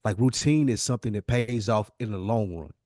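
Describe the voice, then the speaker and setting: A middle-aged American man co-hosts a podcast, speaking casually and motivationally in a lowish, mellow voice at a brisk pace. He's emphatic, repeating phrases to hammer points home, on a dry, studio-quality recording.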